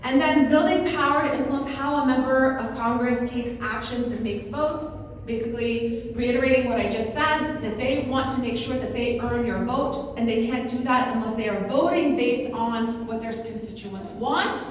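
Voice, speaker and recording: A woman's voice: on the high side, normal speed, few pauses, distant mic, slight background noise. A woman who grew up in Kuwait giving a persuasive talk to a convention audience, often asking them "right?". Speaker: advocacy manager speaking at a convention. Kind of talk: conference talk. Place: large convention hall. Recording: echoey hall recording from afar, dull.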